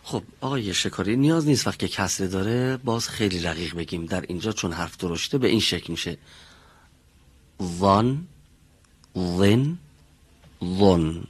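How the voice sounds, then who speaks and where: A man with a low voice leads a recitation lesson, sounding out each letter slowly and repeating it for his students. He corrects them patiently and has them try again. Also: slightly rough. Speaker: Quran recitation teacher. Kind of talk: classroom pronunciation lesson.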